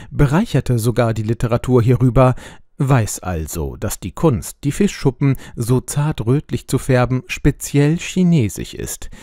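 A man voicing a sharp, lecturing middle-aged detective in an audiobook, explaining things precisely. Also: medium pitch, no room sound, studio quality. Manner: precise, explanatory, lively intonation. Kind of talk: audiobook role reading.

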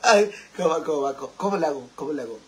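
Campy high-voiced Mexican man streaming. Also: lively intonation, rapid-fire. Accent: Mexican Spanish. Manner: flamboyant and campy, calls viewers "sisters", laughs often. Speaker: livestream host reading viewer comments. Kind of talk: casual livestream chat.

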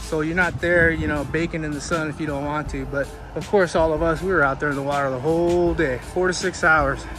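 Relaxed man filming a sunny outdoor tour. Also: a little high, fairly quick, few pauses, music in the background. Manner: relaxed, rambling, many fillers and restarts. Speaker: travel vlogger. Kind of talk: casual walking tour narration. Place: outdoors by the sea, streets and hotel balcony. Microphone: handheld camera at arm's length.

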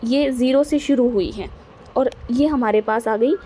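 Woman physics teacher, patient repeating lecture, fairly high voice, mellow tone, faint room hum. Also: measured pace. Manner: repetitive, patient, checks understanding often. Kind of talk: classroom lecture explaining to students.

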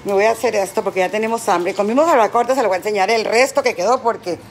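A middle-aged woman with a Mexican Spanish accent who is tipsy and high, rambling and cracking crude jokes on a cooking livestream from her home kitchen. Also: fast, slight background noise. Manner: crude, joking, rambling storyteller. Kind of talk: casual livestream chat while cooking.

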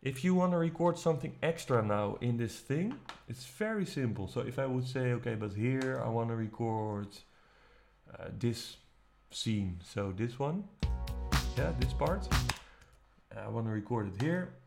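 A man explains music software step by step, his voice slightly gravelly at mid pitch. He talks in a relaxed, casual teaching tone, with faint music playing behind him. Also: moderate pace. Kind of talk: screen-recorded software tutorial.

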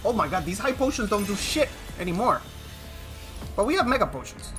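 A game streamer giving excitable live commentary, switching between Spanish and English. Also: medium pitch, moderate pace, music in the background. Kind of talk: live bilingual gameplay commentary.

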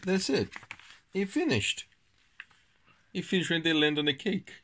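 A father at home at bedtime, gently prompting and correcting his child's reading in a playful, teasing way. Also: a little high, very animated, unhurried. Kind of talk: casual bedtime chat.

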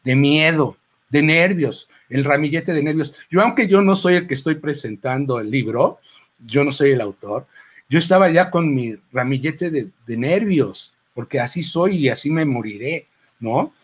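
Husky yet fairly high-pitched, the man sounds animated and speaks at normal speed. He's a clown with a Mexican accent, rambling chattily into a handheld mic at a book presentation table, full of quoted lines and side remarks.

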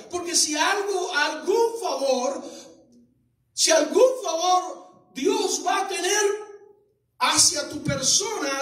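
Fervent male pastor with a very high voice, shouting sermon, echoey room, off mic. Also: distant mic.

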